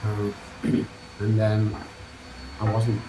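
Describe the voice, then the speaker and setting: This middle-aged Englishman has a Mancunian accent and a fairly low, monotone voice that draws out its words. As a podcast guest, he tells a candid personal recovery story in an earnest, loose, rambling way. Faint background noise sits under the recording.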